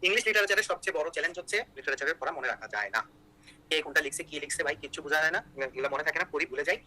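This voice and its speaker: A young man teaches an online exam-prep class at a rapid clip, joking as he goes and constantly checking that his students follow. His voice is bright and tense, a little higher than most men's, and he talks very fast. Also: poor audio. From Bangladesh. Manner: rapid, joking, repeats key points with "ঠিক আছে?".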